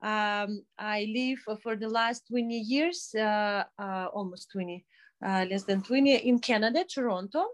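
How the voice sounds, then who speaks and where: A woman of forty with a Belarusian accent, talking casually and haltingly as an interview guest. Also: mid-range voice. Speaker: podcast guest, day spa owner and skincare specialist.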